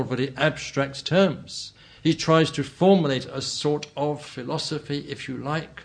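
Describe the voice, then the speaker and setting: A man lecturing as a Buddhist teacher in a deliberate, professorial manner, with formal phrasing, many qualifications and questioning hums between points. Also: on the high side. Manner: measured, donnish professorial phrasing with formal "one" and frequent qualifications; deliberate, often punctuated with questioning "hmm" and "eh". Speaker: Buddhist teacher giving a talk. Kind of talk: lecture, expository religious talk.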